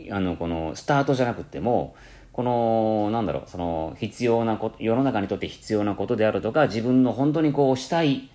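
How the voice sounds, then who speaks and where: Hosting a podcast alone, this Kansai-born man blends his regional accent with standard Japanese in a relaxed radio-style talk. He wanders from point to point, using lots of fillers and correcting himself. His pitch climbs and drops with liveliness.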